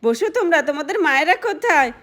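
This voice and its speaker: A woman doing a welcoming village hostess, coaxing, high-pitched, doll puppet story. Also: very animated, fast talker, fairly bright tone.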